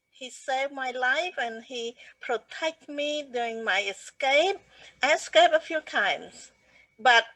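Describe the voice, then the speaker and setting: Earnest soft-spoken woman from Cambodia. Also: fairly high pitch, no room sound, rough recording. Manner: earnest, halting with fillers and restarts. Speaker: co-host. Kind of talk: casual talk show introduction.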